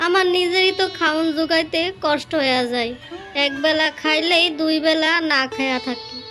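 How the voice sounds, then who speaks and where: A woman's voice: high voice, normal speed, close to an everyday voice. A woman voicing a poor old village grandmother in a cartoon, sympathetic and lamenting. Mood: pitying. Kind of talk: cartoon voice acting. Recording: music behind the voice.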